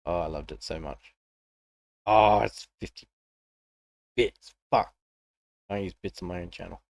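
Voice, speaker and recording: A man's voice: low-pitched, measured pace, creaky, no room sound, studio quality. A man chatting casually and telling stories as a streamer, blunt and sweary in slangy language. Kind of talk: casual chat, storytelling to stream viewers.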